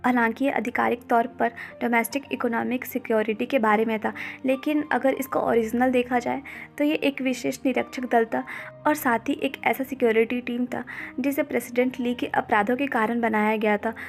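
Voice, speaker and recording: High-voiced woman retelling a comic story. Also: steady tone, vocal fry, faint music behind. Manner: brisk retelling with "he says" links. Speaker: narrator. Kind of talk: casual comic story recap.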